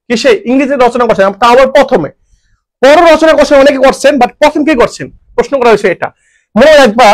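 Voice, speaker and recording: Quick high-voiced male tutor. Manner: repetitive, asks and answers his own questions; jokey, homely dialect forms. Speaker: teacher. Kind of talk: online grammar lesson.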